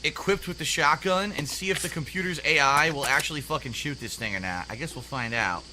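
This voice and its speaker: High-pitched excitable man gaming. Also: brisk, a little hiss or hum. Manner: exasperated, excitable, sweary running commentary. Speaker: video game streamer. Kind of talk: gameplay commentary. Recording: music behind the voice. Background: music.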